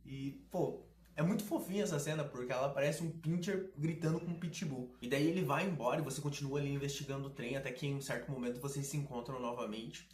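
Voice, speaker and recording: A man talks through a video game with casual, sarcastic and slangy commentary. His voice sits at a middle pitch. The recording has a roomy, echoing sound. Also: fast, darkish tone. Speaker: gaming video host. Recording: roomy echo.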